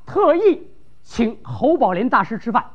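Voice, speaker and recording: A woman comedian performing crosstalk comedy as a boastful gossip who drops to a hush when sharing secrets. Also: on the high side, very animated, a little slow, highs cut off.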